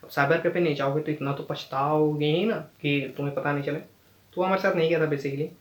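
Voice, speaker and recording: A young man performing a stand-up storytelling monologue and acting out the people in it with lively jumps in his voice. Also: on the high side, a little fast. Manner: animated, acts out quoted lines with sudden loud jumps. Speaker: stand-up comedian and channel host. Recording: echoey room with faint noise.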